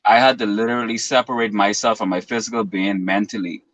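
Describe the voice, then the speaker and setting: A man's voice: on the low side, steady tone, fast, a bit bright, no echo, lo-fi sound. A man in his twenties from the Bahamas, talking as a guest in an earnest, philosophical way with long winding explanations. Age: 20s. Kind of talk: reflective interview talk.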